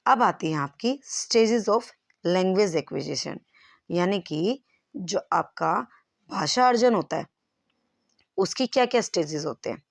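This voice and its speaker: A woman's voice: fairly low pitch, animated, slow pace, pauses often, dry recording. A woman teacher giving an exam-prep lesson, explaining terms step by step and checking if the class follows.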